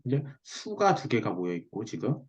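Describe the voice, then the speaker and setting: A man's voice: mid-range voice, big pitch swings, normal speed, slightly rough. A man teaching in a one-on-one online lesson, explaining step by step and checking understanding with short tag questions. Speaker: teacher of Korean saju fortune-telling. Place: online video call. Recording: muffled, lo-fi video call audio.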